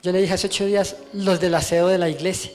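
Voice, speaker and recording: A male pastor preaching and telling a testimony to a church, storytelling with feeling and falling to a hush at moving moments. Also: high voice, fairly even intonation, fast talker. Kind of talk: testimony sermon.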